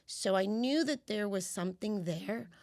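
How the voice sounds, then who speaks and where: In an unhurried, mid-range voice, a woman tells her story during a casual interview, playing out her past reactions like an animated storyteller. She coaches women on empowerment, was raised in the United States by Cuban parents, and spoke Spanish first.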